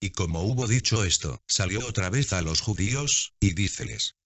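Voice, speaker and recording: Low-voiced man reading scripture steadily. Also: lively intonation, normal speed, fairly bright tone, no echo. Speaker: Bible reader. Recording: dull, dry lo-fi recording.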